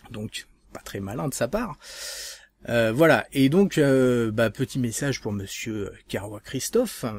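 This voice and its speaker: A man's voice: mid-range voice, gravelly, a little mellow. A man from France hosting a casual video blog, speaking hesitantly with many fillers and restarts. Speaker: vape channel host.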